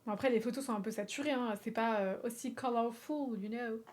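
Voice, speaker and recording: A woman from France chatting on a livestream, animated and swearing freely, laughing often and slipping in English phrases. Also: a little high, a little fast. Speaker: streamer. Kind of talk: casual livestream chat.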